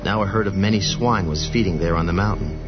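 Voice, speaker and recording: A man narrating scripture in a steady, even storytelling way. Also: sits low, fast talker. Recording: dull lo-fi audio with music behind.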